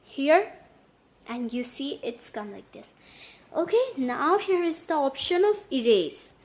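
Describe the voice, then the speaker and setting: A woman narrating a step-by-step app tutorial in halting, repetitive phrasing. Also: sits high, big pitch swings. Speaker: tutorial host.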